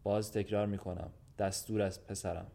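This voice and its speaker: A man's voice: lowish voice, flat delivery, creaky, warm tone. A man voicing an old, blunt, fatherly gendarme who talks in a weary, matter-of-fact way in a storybook reading.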